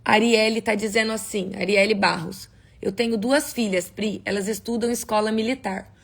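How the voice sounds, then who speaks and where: A woman's voice: medium pitch, fairly even intonation, moderate pace, creaky. A woman preaching on a prayer livestream, emphatic and asking her viewers rhetorical questions.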